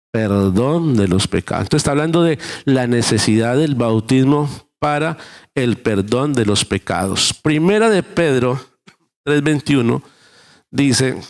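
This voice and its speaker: Gravelly male pastor preaching. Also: mid-range voice. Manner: preaching with everyday illustrations, acting out dialogue. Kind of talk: sermon.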